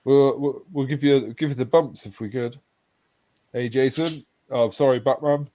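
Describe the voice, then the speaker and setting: A man in his forties hosts a casual live-stream chat, bantering, reading viewer messages aloud and laughing along with the jokes. His medium-pitched voice is warm and steady at a normal speed, with no echo.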